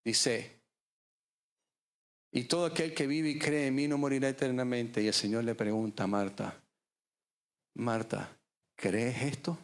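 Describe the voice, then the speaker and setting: A male pastor preaches with measured, dramatic pauses. His voice sits at a middle pitch. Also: steady tone. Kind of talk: sermon.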